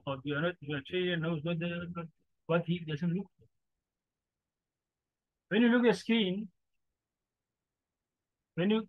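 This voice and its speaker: A high-pitched male voice delivers a casual forex lesson, stumbling through broken English and repeating himself; he's a native speaker of Somali. There's no room sound, as the lo-fi recording is dry and a bit dull.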